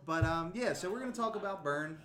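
A fairly high-voiced man hosts a casual podcast from a comic book store, rambling loosely with many fillers and laughing often. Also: animated, fast, a bit bright. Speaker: podcast host. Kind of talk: casual chat.

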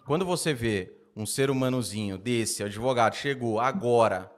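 Casting: man, podcast host, mid-pitched voice, relaxed slangy chat. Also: normal speed. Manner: chatty, slangy, animated storytelling. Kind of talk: casual podcast conversation.

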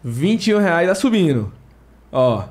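A man's voice: a little high, very animated, a little slow, a little mellow. A man hosting a podcast, giving a playful, joking sponsor read and explaining it step by step. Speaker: podcast host.

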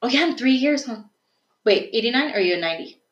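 A young woman co-hosting a podcast, telling a folk tale in a rambling, animated way and laughing often. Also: a little high, quick pace, muffled recording, slight background noise. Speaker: podcast co-host. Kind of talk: casual storytelling chat. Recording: echoey room.

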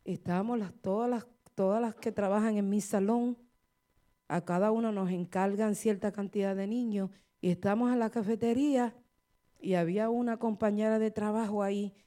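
A middle-aged woman preaching and giving testimony to a congregation, shifting from quiet storytelling to loud fervent exhortation. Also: medium pitch. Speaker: church speaker giving testimony.

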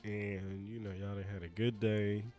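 A young man with a somewhat low voice tells stories at an unhurried pace. Faint music plays in the background. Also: little pitch movement, a little mellow. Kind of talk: casual chat.

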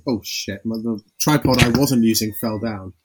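A man's voice: on the low side, moderate pace, crowd noise, poor audio. A man co-hosting a podcast in casual chat over a remote call, talking in hesitant stops and restarts. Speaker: podcast co-host.

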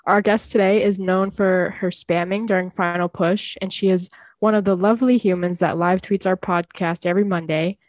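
A woman's voice: fairly low pitch, fairly even intonation, normal speed, few pauses, dry recording. A woman co-hosting a podcast, chatting casually with bubbly, gushing enthusiasm. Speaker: podcast co-host. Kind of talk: casual chat.

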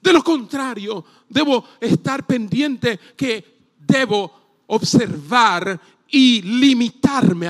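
A male pastor preaching a sermon from a church platform, rising to shouts on key points. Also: sits high. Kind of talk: sermon with live demonstration.

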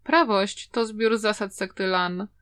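A woman narrating an audiobook in a steady, even storytelling manner. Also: medium pitch, slow pace, clear, resonant tone.

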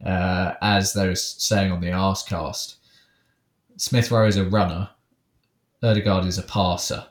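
A man's voice: sits low, little pitch movement, unhurried, roomy sound. A man co-hosting a podcast, enthusiastic but hesitant, with lots of fillers. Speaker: podcast co-host. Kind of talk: casual podcast chat.

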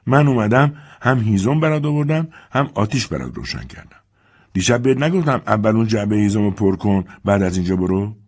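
Old housekeeper, heavy and weary, scolding, put on by a man; pitched far above his own voice, lively lilt. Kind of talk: audiobook character voice.

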